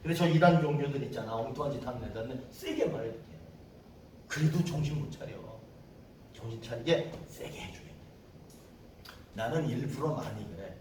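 A middle-aged male pastor telling stories in a conversational sermon, sometimes shouting quoted lines. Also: mid-range voice, fairly quick, pauses often, slight background noise. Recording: echoey room from a distance.

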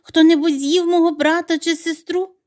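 A woman's voice: very high voice, fairly even intonation, moderate pace, a little mellow, voice pushed up. A woman voicing a small, clever boy duckling who speaks eagerly. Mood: concerned.

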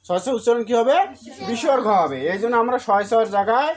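Teaching pronunciation in a very high voice, a man asks questions and then supplies the answers. He breaks words down syllable by syllable and chants verse lines slowly and melodically.

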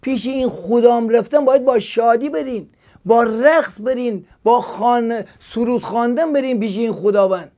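High-voiced man preaching with passion. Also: darkish tone. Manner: impassioned, with rhetorical questions to viewers. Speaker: pastor. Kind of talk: preaching on a call-in TV show.

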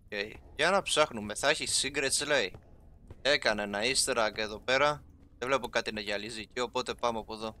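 A young man giving casual, excitable let's-play commentary as a gaming YouTuber, talking straight to his viewers. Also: medium pitch. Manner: excitable, talks to viewers, sprinkles English game terms.

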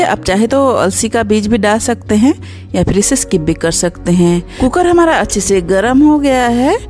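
A woman hosting a cooking channel, narrating a recipe step by step in a calm instructional voice-over. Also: on the high side.

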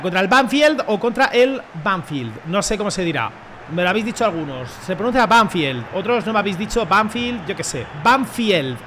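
A young man with a Spain Spanish accent, commentating his own football game casually, excitable and slangy, shouting when he scores. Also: high voice, slight background noise. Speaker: gaming YouTuber.

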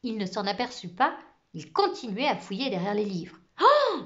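A woman reading a children's book aloud, expressive and dropping to a hush at tense moments. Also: mid-range voice, moderate pace, lo-fi sound. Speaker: storyteller.

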